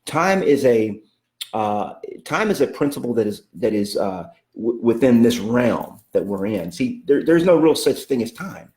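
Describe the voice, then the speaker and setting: A man's voice: medium pitch, very animated, measured pace, darkish tone, roomy sound. A man giving a motivational coaching talk, emphatic and repetitive, often checking in with "okay?" and speaking of God in a preacherly way. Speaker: real estate coach.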